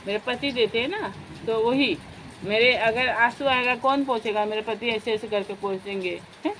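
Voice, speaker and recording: A woman's voice: a little high, normal speed, fairly bright tone, slight background noise, low-quality recording. A young woman vlogger in casual chat, talking straight to her viewers as friends in a chatty, confiding way.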